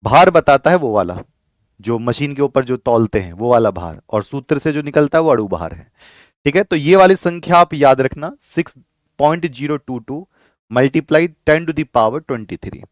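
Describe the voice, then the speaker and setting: A man's voice: mid-range voice, lively intonation, a little slow, dry recording. A man teaching a live online chemistry class, explaining patiently, repeating key points and asking his students to reply.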